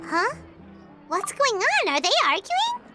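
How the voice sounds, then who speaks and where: Paimon, a squeaky chatty sprite. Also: female voice, wildly swooping pitch, heavily acted. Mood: concerned. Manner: bubbly, quick to tease. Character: tiny chirpy floating companion sprite, chatty. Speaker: travel companion. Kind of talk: video game voice acting. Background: game music.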